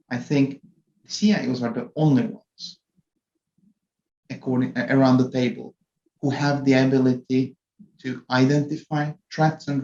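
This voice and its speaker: A middle-pitched man in his forties with a Hungarian accent and a gravelly, fry-edged voice, speaking in a measured, deliberate way. He is a guest on a podcast interview. The audio is dull and lo-fi in a roomy space. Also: darkish tone. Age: 40s. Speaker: guest executive.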